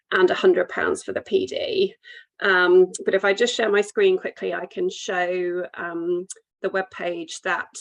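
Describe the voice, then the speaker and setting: A woman's voice: fairly low pitch, vocal fry. A woman with a British accent presenting on an online call in a polite, businesslike conference-call manner. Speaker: webinar presenter. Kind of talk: online sales presentation with questions.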